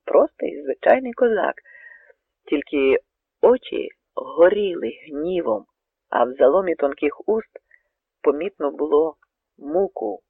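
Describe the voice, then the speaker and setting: A man narrating a dramatic story, swinging between hushed passages and emphatic lines. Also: on the high side, expressive, unhurried, creaky, pauses often, husky, no room sound. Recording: narrow tinny radio recording, dry.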